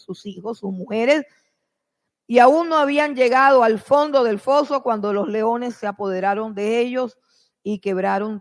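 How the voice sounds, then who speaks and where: A preacher delivering a sermon as a dramatic retelling, repeating phrases for emphasis and swinging between loud bursts and hushed drops. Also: medium pitch. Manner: dramatic retelling with sudden swells and drops in loudness. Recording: long reverb of a large hall.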